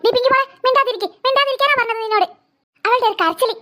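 Rapid-fire and very high, the bright, forceful voice belongs to a stern cartoon mother played by a voice actor. In this scolding bit of cartoon voice acting, she nags her daughter and won't buy a single thing on the trip.

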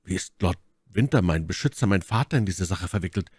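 A man voicing an earnest young puritan officer in a lowered, hushed, stammering voice for an audiobook reading. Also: animated, brisk, husky, no room sound. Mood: troubled.

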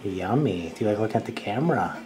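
A man's voice: on the low side, lively intonation, fast, crowd noise. A man, a father, joking and teasing during a casual home video of his baby's feeding.

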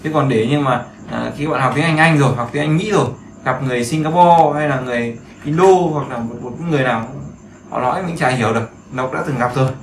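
A fast-talking English teacher with a mid-range voice chats his way through a casual screen-share lesson for beginners, repeating himself and checking that they follow. Faint background noise sounds in the echoey room.

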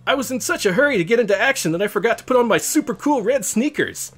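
A man's voice: very high-pitched, expressive, fast, fairly bright tone, pitched above the performer's own voice, full character voice. A man voicing a cocky, impatient cartoon hedgehog hero from a children's storybook. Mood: flustered. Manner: brash, impatient. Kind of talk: storybook character voice.

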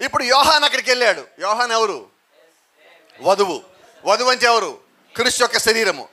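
A man's voice: very high-pitched, very animated, a little fast, bright, forceful tone. A man preaching a sermon, asking rhetorical questions and answering them himself, with emphatic repetition and cries of hallelujah and amen.

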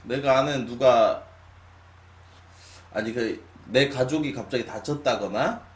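A twenty-nine-year-old live streamer sits at a desk in a small room, casually chatting with viewers late at night in a medium-pitched voice at a slow pace. He muses with long sighs, drifting between loud and quiet. The room echoes and a faint hum runs underneath.

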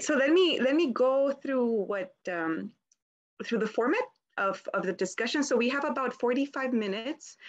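A young woman moderating a panel discussion over a video call, speaking in a friendly, halting way with many ums and restarts. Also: fairly high pitch, highs cut off. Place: indoors at home, plain wall.

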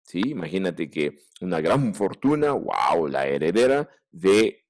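A man's voice: sits low, sing-song, unhurried. A man teaching a primary school English class online with a Peruvian Spanish accent, drilling pronunciation through repetition. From Peru.

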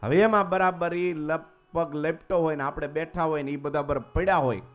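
A man, a swami preaching a storytelling sermon to a temple assembly. He swings between soft asides and loud exclamations. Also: a little high, fairly even intonation, moderate pace. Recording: slightly muffled recording with faint guitar music.

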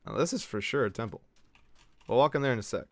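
A male Twitch streamer giving excitable live gameplay commentary, swearing and yelping as he banters with his chat. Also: mid-range voice, quick pace, dry recording.

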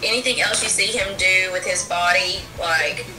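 A woman asking a family gentle, hesitant screening questions about a child, with many fillers. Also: medium pitch, moderate pace, roomy sound, far from the mic, music in the background, poor audio. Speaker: developmental screening clinician. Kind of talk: clinical intake questions.

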